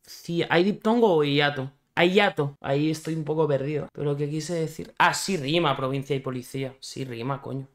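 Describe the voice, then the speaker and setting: A man streaming a reaction video, working through rhyme rules out loud and swearing now and then. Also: fairly high pitch, moderate pace, few pauses. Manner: thinks aloud, questions himself, swears. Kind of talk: casual reaction chat.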